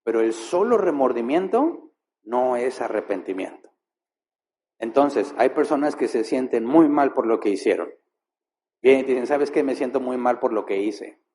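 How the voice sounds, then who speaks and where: A man preaching a sermon as pastor, posing rhetorical questions and shifting his pace and loudness for effect. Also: medium pitch, a little hiss or hum.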